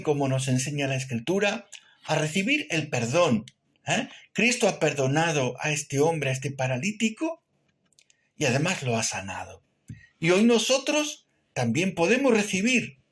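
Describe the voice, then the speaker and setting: A man's voice: fairly high pitch, fairly bright tone. A man preaching a short sermon meditation, earnest, often adding amen and little tag questions.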